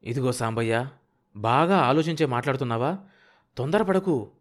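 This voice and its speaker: A man's voice: mid-range voice, moderate pace, natural voice. A man voicing a wily, cautious middle-aged village broker who talks in an irritable, needling way. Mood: wary.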